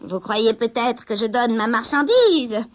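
A woman voicing a sly, mocking old witch selling cloth in a storybook, speaking slowly. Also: sits high, sharp tone, voice pushed up, exaggerated voice. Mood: scornful. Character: cackling sly old female witch peddler.

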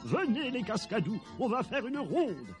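A woman voicing a kind, cheerful young female flying machine in a children's audio story, gentle and unhurried. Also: a little high, sing-song, music in the background. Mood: warm. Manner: gentle, caring, slow.

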